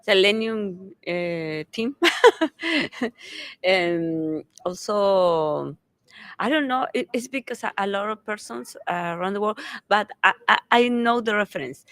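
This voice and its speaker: A middle-aged woman with a Mexican accent, a native Spanish speaker, answers interview questions. She speaks slowly, with many pauses while she searches for words, and laughs often. Her voice is recorded dry, with no room echo. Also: mid-range voice, a bit bright. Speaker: interview guest, company founder. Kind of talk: casual conference interview.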